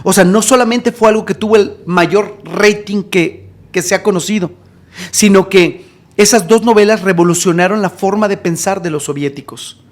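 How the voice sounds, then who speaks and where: Man, Mexican accent, high-pitched, animated storyteller guest, plays out every character. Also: moderate pace. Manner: animated, acts out the people in his stories. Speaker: evangelist, podcast guest. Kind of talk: conversational storytelling.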